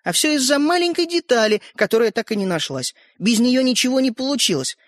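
A man narrating a children's storybook in a lively, expressive reading. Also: extremely high pitch, brisk, no echo, studio quality.

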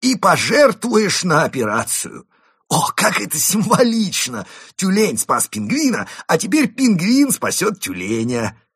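A man's voice: sits high, huge pitch swings, unhurried, a bit bright, husky, no room sound, studio quality, pitched above the performer's own voice, heavily acted. A man voicing a boastful, scheming male ferret swindler who talks grandly and pushes hard. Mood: pompous. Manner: grandiose, pushy.

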